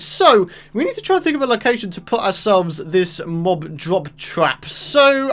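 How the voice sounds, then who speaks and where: Young British gaming host, chatty and self-mocking, high lively voice. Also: male voice. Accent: British English. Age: 20s. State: morning voice. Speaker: gaming YouTuber. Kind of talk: casual let's-play commentary.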